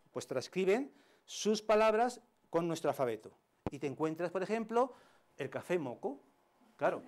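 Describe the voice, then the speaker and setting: Middle-aged teacher guy at a conference, higher voice that jumps all over, cracking jokes. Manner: animated, joking, playful examples. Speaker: primary school teacher. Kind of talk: conference presentation.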